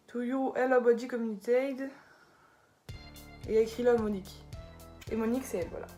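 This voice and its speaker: High-voiced young woman unboxing a haul. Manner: chatty, loose, stumbles over product names. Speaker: beauty vlogger. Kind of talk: casual unboxing haul vlog.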